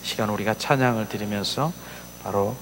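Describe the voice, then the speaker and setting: A man preaching an emotional sermon, telling a story and acting out its voices, moving between soft whispers and loud cries. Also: fairly low pitch, moderate pace, long reverb tail, slight background noise. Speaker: pastor. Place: church sanctuary.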